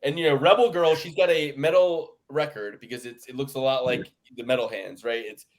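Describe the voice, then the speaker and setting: A man's voice: mid-range voice, steady tone, fairly quick. A man co-hosting a sports picks podcast, ranting in casual chat and mocking others with put-on quotes. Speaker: podcast co-host.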